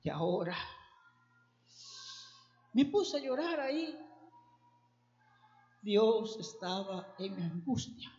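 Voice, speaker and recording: Man, high-pitched, earnest emotional preaching, echoey room, dull lo-fi sound. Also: very animated, slow pace, pauses often, a little mellow. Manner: earnest and emotional, building to fervent exhortation. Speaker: pastor. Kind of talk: sermon with personal testimony.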